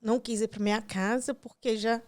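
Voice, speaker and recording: A woman's voice: fairly high pitch, flat delivery, fairly quick. Tearful woman telling a painful story. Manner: retells scenes with quoted dialogue, voice breaking softly. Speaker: podcast guest. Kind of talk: emotional personal storytelling.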